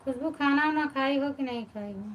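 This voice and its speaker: A woman hosting a live stream at home at night, chatting softly with viewers by name and offering devotional greetings. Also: high voice, normal speed, low-quality recording. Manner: quiet, keeps her voice down while others sleep. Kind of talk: casual live chat.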